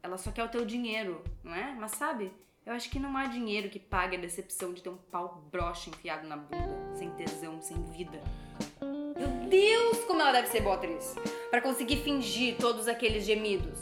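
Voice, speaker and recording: A woman's voice: fairly high pitch, very animated, moderate pace. A woman acting a bitter, sarcastic wife who accuses her husband. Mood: taunting. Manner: sarcastic and cutting, bursting into screams. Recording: roomy sound with guitar music.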